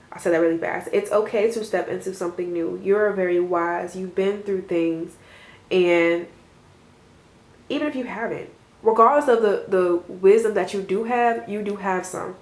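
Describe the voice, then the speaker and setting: A woman doing a casual tarot reading for her viewers, rambling and reassuring, with frequent fillers and small laughs. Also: mid-range voice. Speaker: tarot reader. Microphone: camera mic. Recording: roomy echo.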